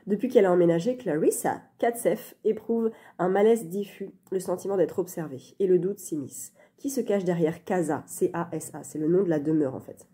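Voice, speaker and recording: Chatty woman with a low husky voice. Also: normal speed, hardly any pauses, warm tone. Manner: chatty, lots of fillers and restarts. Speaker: book vlogger. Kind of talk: casual reading vlog. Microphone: phone camera. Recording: phone on a stand, dim light.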